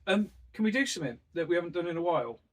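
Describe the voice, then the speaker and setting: A man's voice: a little high, expressive, racing. A middle-aged man chatting casually outdoors as a podcast co-host, easygoing and asking his mate questions. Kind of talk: casual chat. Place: outdoors in the cold.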